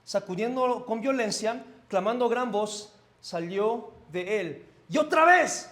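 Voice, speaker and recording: Male pastor, Mexico City accent, high voice, animated conversational sermon in a church. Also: measured pace. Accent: Mexico City Spanish. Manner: animated, asks the congregation questions, swings between loud and soft. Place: church sanctuary.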